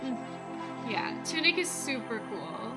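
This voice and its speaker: High-voiced Canadian woman streamer, laughing. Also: big pitch swings, takes it slowly. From West Coast of Canada. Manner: chatty, laughs often, thinks aloud. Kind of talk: casual livestream gameplay chat. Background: game music.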